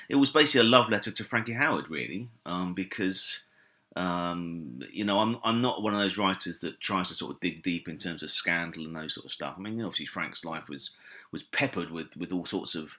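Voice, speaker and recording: A deep-voiced British man talks comedy history in a loose podcast chat. His tone is low but bright and forceful, and he rambles enthusiastically through fillers and restarts. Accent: British English. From Britain. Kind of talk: casual podcast interview.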